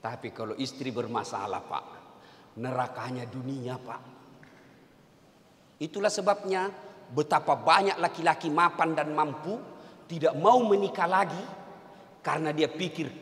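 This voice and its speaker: A man preaching a humorous sermon, animated and jokey, jumping from loud outbursts to low murmurs. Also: normal speed, pauses often. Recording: long hall reverb.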